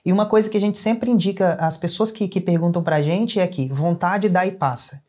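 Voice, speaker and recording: A man's voice: high-pitched, fairly quick, darkish tone. Young Brazilian man telling his story. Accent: Brazilian Portuguese. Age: young adult. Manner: earnest, personal storytelling. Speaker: interview guest. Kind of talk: casual conversation.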